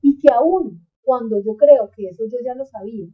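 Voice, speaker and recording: A woman's voice: on the high side, normal speed, slightly rough. A woman guest on a podcast, talking in an earnest, emphatic way and repeating phrases for stress. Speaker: guest, migration wellbeing coach. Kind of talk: casual podcast chat. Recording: tinny phone-like line.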